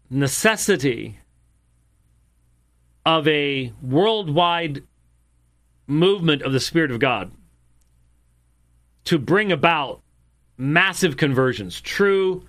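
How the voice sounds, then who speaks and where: A man comments on clips in a rather high, bright, forceful voice. He speaks emphatically, driving his points home through repetition.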